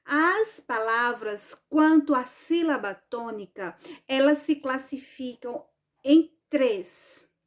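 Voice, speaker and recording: In an online grammar class for kids, a high-voiced woman speaks with lively intonation. Her delivery is drawn-out and sing-song, and she often asks "right?" to check understanding.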